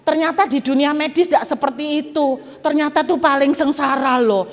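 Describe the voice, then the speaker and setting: A woman guest preacher telling a personal testimony in a sermon, animated and humorous, with casual colloquial asides. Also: high-pitched, normal speed. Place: church auditorium. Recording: long church hall reverb.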